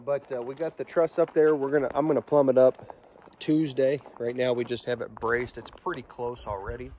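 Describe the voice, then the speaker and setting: A man in his thirties, outdoors at a building site, casually explaining the work he is doing, relaxed and thinking aloud. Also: mid-range voice, normal speed, lo-fi sound, slight background noise. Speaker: DIY barn builder.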